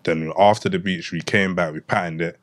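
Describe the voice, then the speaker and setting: A man's voice: sits low, fairly even intonation, fairly quick. A young man with a London roadman accent, telling a story casually among friends in heavy slang and tagging sentences with innit. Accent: London roadman, multicultural London English. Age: young adult.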